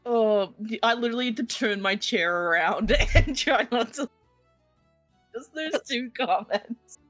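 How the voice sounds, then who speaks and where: A woman's voice: a little high, expressive, measured pace, a bit bright, no echo, faint music behind. A woman player chatting casually during a tabletop game, giggly and full of fillers.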